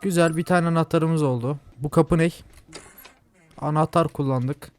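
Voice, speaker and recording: A man's voice: a little high, steady tone, normal speed. Jumpy young Turkish man playing horror. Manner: jumpy and chatty, swearing and yelling at scares. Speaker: gaming channel host. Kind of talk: horror game commentary.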